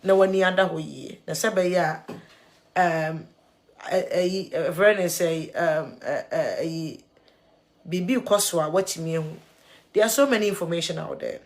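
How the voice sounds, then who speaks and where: A woman's voice: on the low side, a little mellow. Tearful Ghanaian woman vlogger. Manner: earnest, mixes English and Twi, halting repeats. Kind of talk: emotional video commentary.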